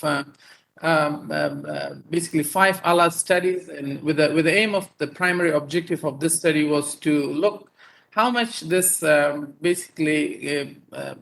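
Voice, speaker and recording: Halting Afghan-born male surgeon, fairly high voice. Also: gravelly, fairly bright tone, poor audio. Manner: halting, many fillers and repeated words. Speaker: neurosurgeon and professor presenting. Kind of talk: conference talk over video call.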